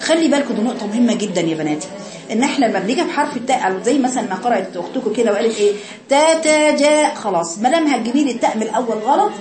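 A woman's voice: on the high side, expressive, rapid-fire, echoey room, music in the background. An Egyptian woman teaching Quran recitation, patiently correcting her students and chanting the sounds herself to show them. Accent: Egyptian Arabic. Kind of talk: tajweed lesson, correcting students.

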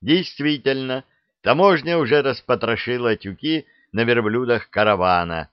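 A man's voice: mid-range voice, moderate pace, clean tone, dry recording. A man reading an audiobook aloud in a playful, theatrical way. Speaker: audiobook narrator. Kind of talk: expressive audiobook narration. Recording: dry, dull lo-fi recording.

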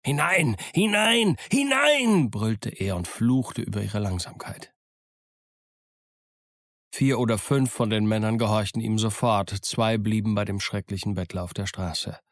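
A man narrating an audiobook in a steady, measured storytelling voice. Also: lowish voice, no echo, clean studio sound. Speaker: audiobook reader. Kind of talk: scripted first-person narration.

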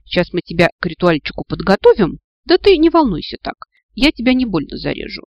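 A man's voice: high voice, very animated, brisk, no echo, lo-fi sound. A man doing a gleefully giggling villain. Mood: gloating. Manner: gloating, giggly, mockingly polite. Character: giggling sinister male cultist captor, gleeful.

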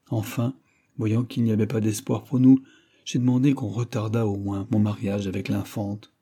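A torn young king pleading his helplessness, read by a male audiobook narrator. The voice is dark and husky. He sounds earnest and anguished in this storybook reading. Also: mid-range voice, voice pushed up, close to an everyday voice.

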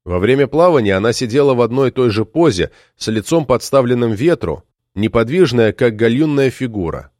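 A male narrator reads a novel aloud with lively, animated pitch. The sound is close and dry, with no room in it. His storytelling is expressive and steady. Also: brisk, dry recording. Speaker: audiobook narrator. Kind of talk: scripted narration.

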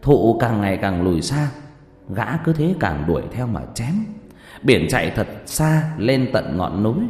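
Man telling a ghost story, very animated. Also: a little slow. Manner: theatrical, swinging pitch and loudness. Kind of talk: dramatic ghost story narration. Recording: roomy reverb, faint music behind.

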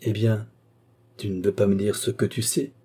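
A man's voice: on the low side, level tone, moderate pace, warm tone, slightly rough. A man reading an audiobook, voicing a frail, stubborn and emotional old marquis in a raised voice. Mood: insistent. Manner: insistent, emotional.

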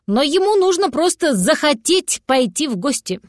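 A calm, wise voice speaks politely from the forest, as a woman plays it. It sounds like a gentle storybook stranger. The recording is dry and close. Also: high-pitched, normal speed, dry recording, voice pushed up.

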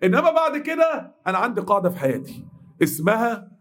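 A man in his thirties with an Egyptian accent, giving a mosque lesson in an animated, blunt manner and acting out dialogue. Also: high voice, fast talker. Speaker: preacher.

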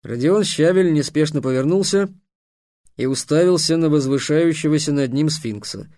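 Man, audiobook narrator, slightly higher voice, measured, dry close recording. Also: a little mellow, no echo. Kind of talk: scripted narration.

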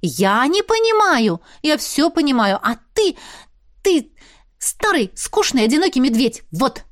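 A woman reading an audiobook and voicing a sharp-tongued teenage girl who teases her older brother in a high, animated voice. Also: brisk. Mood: teasing. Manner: exclaiming, mocking, high and animated. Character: teasing, lively teenage girl, sharp-tongued younger sister. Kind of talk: audiobook character voice.

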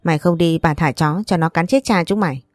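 A woman's voice: fairly quick, dry recording, natural voice. Woman reading as a cursing old grandmother. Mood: scornful. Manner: cursing, shrill scolding. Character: furious, foul-mouthed old grandmother.

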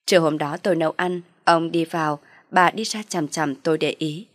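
A woman reading a first-person story aloud in a steady, rueful telling. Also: deep voice, moderate pace. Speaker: audio story reader.

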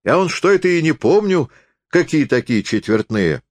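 A man's voice: fairly high pitch, big pitch swings, normal speed, no room sound, voice pushed up. A man voicing a coarse, crafty peasant forester who talks in a jeering folksy drawl. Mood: coaxing.

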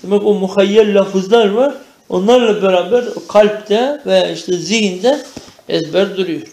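High-voiced Turkish man teaching in an echoey room. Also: a little slow, a little mellow. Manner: reads a phrase then translates and questions the class. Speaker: Arabic and theology teacher. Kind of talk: classroom lesson, reading Arabic text and explaining in Turkish. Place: classroom.

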